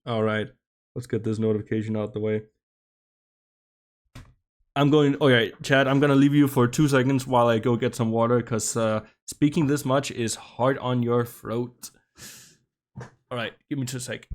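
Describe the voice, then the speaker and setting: A man commentating a live-streamed game match, slightly out of breath, talking in halting bursts with many restarts and asides to his chat. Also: medium pitch, fairly even intonation. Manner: halting, many restarts and laughs, chats with viewers. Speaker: esports commentator.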